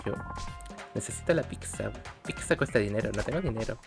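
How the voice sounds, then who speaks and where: A man voicing a hurt young foreign woman who pleads in broken, halting speech. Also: fairly low pitch, animated, creaky. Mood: pleading. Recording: game music behind the voice.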